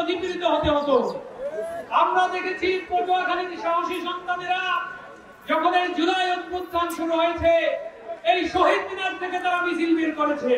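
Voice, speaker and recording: A man with a Bangladeshi accent gives a declamatory political rally speech, addressing the crowd directly. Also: very high-pitched. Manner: declamatory, rhetorical questions to the crowd. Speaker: political party speaker at a rally. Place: public rally, over loudspeakers. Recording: distant echoing PA, clear crowd noise.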